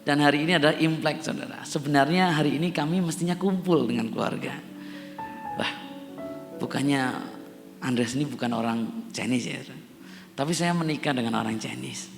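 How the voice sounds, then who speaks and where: The pastor here, a middle-aged Javanese man, speaks briskly in a gravelly mid-range voice, pausing often as music plays in the background. His sermon keeps addressing the congregation and climbs to emphatic peaks, recorded in a church hall with long reverb and a faint instrument.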